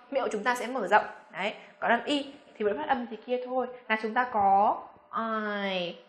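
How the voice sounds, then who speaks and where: A woman with a Vietnamese accent teaching pronunciation patiently, repeating example words slowly and asking her students questions. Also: a little high, sharp tone, reverberant. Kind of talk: classroom-style pronunciation lesson.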